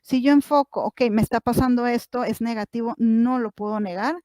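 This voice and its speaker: A woman's voice: on the high side, moderate pace, dark tone, dry recording. A woman, a psychologist giving a workshop talk to parents, speaking directly to them with many rhetorical questions.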